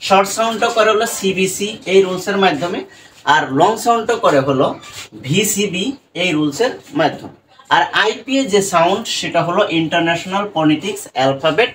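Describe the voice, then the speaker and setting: A high-pitched man teaches English pronunciation in a classroom-style lesson, constantly posing questions to the students and answering them himself while repeating "right?" and "dekho." The recording has faint background noise and sounds a bit distant from the mic.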